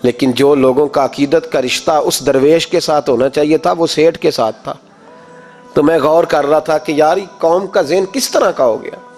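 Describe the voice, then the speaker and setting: A man's voice: a little high, darkish tone, faint music behind. A man delivering an impassioned Urdu sermon with a Pakistani accent, telling stories and acting out the voices of the people in them. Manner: impassioned storytelling, acts out quoted voices. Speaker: preacher.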